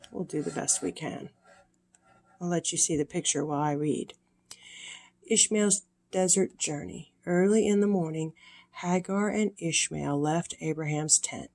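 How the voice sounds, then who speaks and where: An older woman with a creaky voice reads stories aloud to children in a sweet, grandmotherly manner, pausing for casual explanations. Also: low voice, a little mellow. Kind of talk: read-aloud storytelling with casual explanatory asides.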